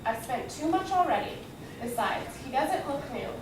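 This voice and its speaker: A woman's voice: sits high, very animated, normal speed, far from the mic, background noise. A woman voicing a weary, patient mother with a sighing manner in a storybook read aloud, in an echoey room, away from the mic. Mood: weary, gentle. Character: weary mother gently refusing her child.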